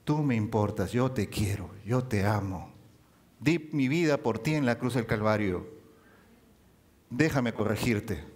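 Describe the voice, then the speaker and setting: Preacher putting on Jesus, gentle and soft-spoken, tender. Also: male voice, medium pitch, expressive, takes it slowly, hardly any pauses. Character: Jesus, a gentle loving man. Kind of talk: sermon.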